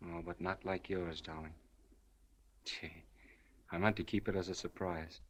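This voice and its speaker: An actor playing an earnest, smitten newspaperman, halting and tender, in 1930s screwball comedy film banter. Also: sits low, fairly even intonation. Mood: tender, solemn. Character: earnest, smitten newspaperman, awkwardly gentle and solemn.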